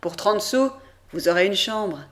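A woman reading the part of a brusque middle-aged male baggage clerk who talks quickly and offhandedly, gruff but obliging. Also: medium pitch, lively intonation, a bit bright. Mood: gruffly helpful.

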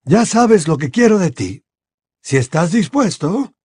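An audiobook narrator performs a calm, commanding old wizard headmaster, over 60, pitching his deep, husky natural male voice well upward into an exaggerated character voice with a lively, swinging pitch. Every word comes out measured, deliberate, and grave. The sound is dry and close, with no room sound at all.

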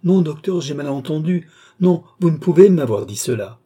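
A man's voice: mid-range voice, normal speed, mellow, husky, lightly acted. A man reading an audiobook, voicing a young nobleman who pleads in impassioned, anguished outbursts.

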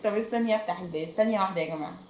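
Woman with egyptian accent teaching online, checking "right?" a lot, quick and echoey. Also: medium pitch, lo-fi sound. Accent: Egyptian Arabic. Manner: explains step by step, checks "right?" often. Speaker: Quran recitation teacher. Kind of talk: online group lesson. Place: room at home. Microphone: online voice chat. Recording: echoey room, faint noise.

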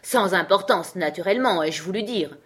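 A woman voicing a pompous old king in a storybook reading, solemn and blustering, a little higher and louder than her own voice. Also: lively intonation, moderate pace. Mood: grave, pompous.

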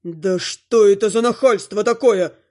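A woman putting on a haughty male henchman from a dark fantasy court, drawling his words slowly with a sneer. The voice sits low and heavy against a woman's natural register. It is read as part of a storybook narration. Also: natural voice. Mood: haughty menacing. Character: arrogant male dark-lord henchman, menacing.

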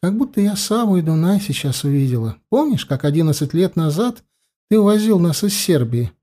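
Man playing a lively, teasing young mother. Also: sits high, a little fast, voice pushed up. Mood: fond, teasing. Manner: lively, gently scolding.

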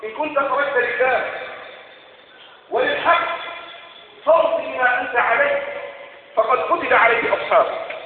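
A preacher voicing a hushed, grave old mother. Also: very high voice, moderate pace, pauses often, slight background noise. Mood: grave counsel. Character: very old blind mother, firm and devout. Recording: tinny lo-fi recording in echoing hall.

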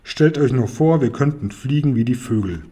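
A man putting on a pompous storybook pharaoh, a ruler who mocks and commands with sudden bursts of laughter. The voice is mellow and a little husky, swinging between booming orders and cackling. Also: normal speed, lightly acted. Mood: enthusiastic. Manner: boisterous, bossy, bursts of laughter. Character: pompous mocking male pharaoh, quick to laugh. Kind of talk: audiobook character voice.

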